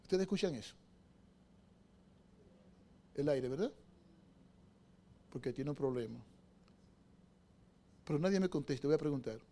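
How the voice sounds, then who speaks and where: A man, a pastor, preaching a sermon in a church sanctuary. He asks the congregation rhetorical questions and swings between hushed storytelling and loud, fervent preaching. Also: mid-range voice, normal speed, long pauses.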